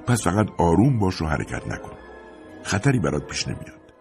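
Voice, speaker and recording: A man voicing a calm adult man who gently reassures frightened children in an audiobook. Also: deep voice, gravelly, faint music behind, full character voice. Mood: reassuring. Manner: gentle, soothing. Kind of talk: audiobook character voice.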